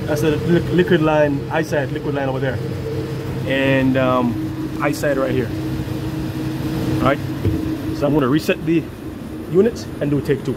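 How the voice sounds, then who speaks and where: A man's voice: mid-range voice, fairly even intonation, normal speed, pauses often. A man working as an HVAC technician, talking casually to his viewers while filming a commercial AC unit, often repeating and restarting his words. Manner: chatty, repeats himself, restarts lines. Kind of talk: casual on-the-job vlog. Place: beside a commercial rooftop AC unit. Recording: loud machine noise behind the voice.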